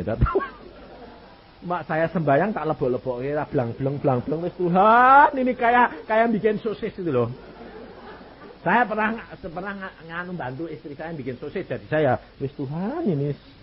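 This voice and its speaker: A man with a Javanese accent preaching a sermon, telling a story and acting out the voices in it. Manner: animated, acts out dialogue with wide pitch swings. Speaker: evangelist preacher. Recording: muffled lo-fi recording with faint noise.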